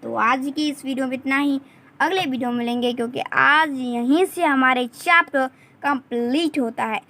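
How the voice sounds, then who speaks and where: Woman tutor, high and bright, explains lessons at a slow, careful pace. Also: low-quality recording. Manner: reads English slowly and deliberately, then explains it. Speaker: English tutor. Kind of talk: bilingual classroom explanation.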